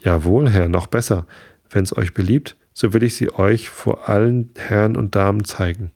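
A man reading a storybook and voicing an eager, poor tenant farmer with a creaky voice. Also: fairly low pitch, normal speed, darkish tone. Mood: confident.

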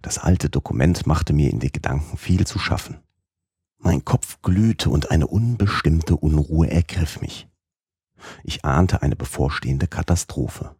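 A man reading a classic novel aloud as first-person audiobook narrator, in a measured, literary storytelling manner. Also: very deep voice, expressive, darkish tone, husky, no echo, clean studio sound.

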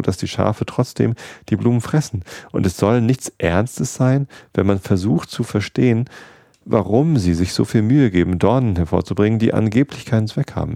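A man's voice: low voice, gravelly, mellow, no echo, clean studio sound. A man reading a storybook aloud and voicing a small, earnest boy prince who keeps asking questions and grows indignant. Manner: insistent questioning, rising to angry pleading.

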